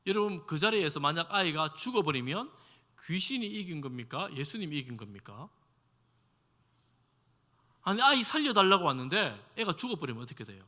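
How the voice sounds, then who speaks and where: A man's bright, forceful voice, on the high side and fairly quick with wide pitch swings, carries a conversational sermon. Preaching in a church sanctuary with long hall reverb, the pastor questions the congregation and acts out quoted lines.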